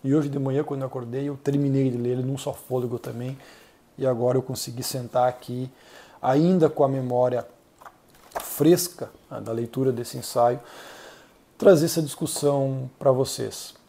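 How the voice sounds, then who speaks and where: A Brazilian man hosting a channel, giving earnest, measured solo commentary with frequent hesitations. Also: mid-range voice, steady tone, dark tone. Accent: Brazilian Portuguese. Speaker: channel host reviewing an essay.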